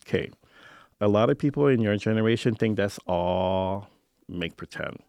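A middle-aged man from Hawaii tells stories in a low, gravelly voice. He acts out the voices of his relatives as he goes. The sound is close and dry, with no room around it. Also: normal speed, no room sound. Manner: animated anecdote teller, acting out family voices. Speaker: interviewee. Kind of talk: storytelling in a radio feature interview.

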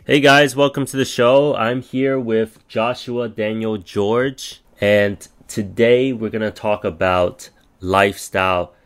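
Man, podcast host, very deep voice, smooth resonant tone, measured announcer style. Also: fairly even intonation. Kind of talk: scripted intro, then interview questions.

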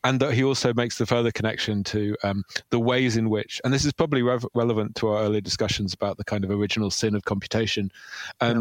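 A man's voice: fairly low pitch, steady tone, fast talker, no echo. A man talking casually about ideas as an author guest, thoughtful and hesitant with many fillers and restarts. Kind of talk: casual intellectual conversation.

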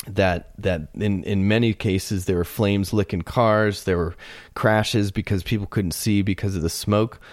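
A man with a low, deep voice tells a story in a casual podcast chat, his telling turning animated and tense with frequent restarts. The sound is dry and close, with no room behind it. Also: dry recording. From United States. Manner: tense and animated when retelling events, with many restarts. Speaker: podcast co-host.

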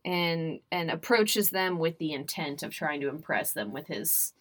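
A woman's voice: sits low, fairly bright tone. Wry young woman co-hosting a podcast. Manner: wry, playful, quick asides. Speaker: podcast co-host. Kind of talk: casual recap chat.

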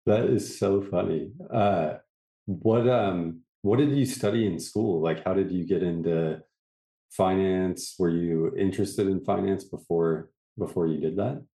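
Deep, gravelly male podcast host. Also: measured pace, reverberant. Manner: scripted intro read over music, then casual questions. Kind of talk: podcast interview. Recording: intro read over loud guitar music.

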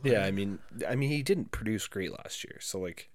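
A young man co-hosting a podcast in casual banter, laughing easily and quick to object. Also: on the low side, expressive. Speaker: podcast co-host.

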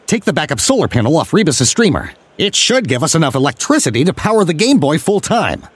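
Casting: male narrator as a bouncy alien guy, husky, swoops up and down, dry close sound. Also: on the high side, fast talker, no room sound, voice pushed up. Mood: chipper. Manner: animated, wide-ranging intonation.

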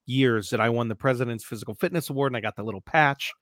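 A man's voice: medium pitch, fast, a bit bright, no room sound, clean studio sound. A nasal-voiced man in his forties with a Midwestern accent, a gym coach telling stories on a casual podcast with emphatic energy. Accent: Midwestern American.

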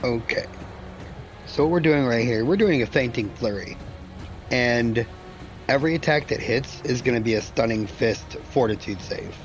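A man's voice: mid-range voice, normal speed, dull audio, soft background music. A man chatting casually as a player in a tabletop game.

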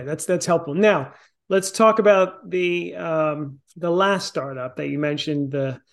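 A man's voice: a little high, gravelly. A man hosting an interview chat, asking friendly questions and often repeating the first words of a phrase. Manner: friendly, with repeated word starts. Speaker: interview host.

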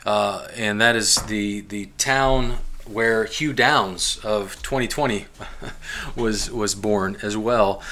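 Male podcaster in his forties with a bright voice and a rambling, restart-heavy manner. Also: lowish voice, takes it slowly, a little hiss or hum. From Ohio and Kentucky, US. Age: 40s. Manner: rambling, many restarts and fillers, chuckles often. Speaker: podcast host. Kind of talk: casual personal monologue.

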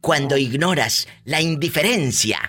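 A woman's voice: deep voice, expressive, unhurried, heavy background noise. A woman hosting call-in banter in a teasing, colloquial, exclamatory way. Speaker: radio show host.

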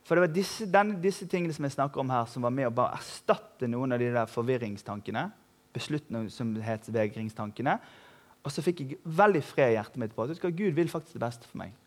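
A man preaching a sermon in a church, energetic and humorous, rising to emphatic peaks. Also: medium pitch. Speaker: pastor. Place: church hall.

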